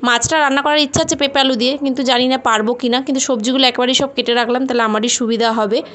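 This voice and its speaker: Mom vlogger rattling thru her day, talks quick, kinda high voice, chatty and rambly, talks right to the viewers. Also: steady tone, a bit bright. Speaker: mother and home vlogger. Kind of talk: casual voice-over narration of a daily routine.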